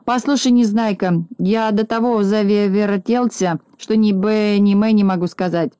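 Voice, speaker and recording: A woman's voice: medium pitch, fairly even intonation, a little slow, warm tone, clear, resonant tone, dry recording, natural voice. A woman voicing Kozlik, a small male shorty who is dizzy and slurs his words, in a storybook reading. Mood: dazed. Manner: slurred, tongue-tied speech.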